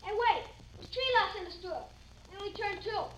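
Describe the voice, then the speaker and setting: Cheeky, very high-voiced street kid. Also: female voice, brisk. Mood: busy, eager. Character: cheeky, streetwise small city boy, eager for mischief. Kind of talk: 1940s American radio drama acting. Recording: muffled, hissy old radio recording.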